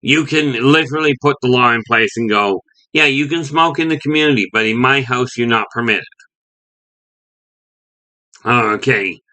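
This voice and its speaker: A man's voice: medium pitch, moderate pace, bright, forceful tone, low-quality recording. A man from Canada giving a rambling opinion monologue as a video host, often restarting and saying "okay".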